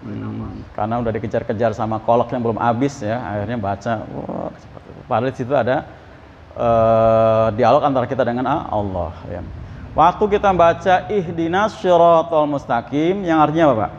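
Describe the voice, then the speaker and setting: A man teaching Quran exegesis at a mosque, questioning his listeners and reciting Arabic verses slowly. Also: mid-range voice, gravelly, a little hiss or hum. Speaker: ustadz giving Quran exegesis. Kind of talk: mosque study sermon. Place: mosque hall. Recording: muffled, echoey mosque hall.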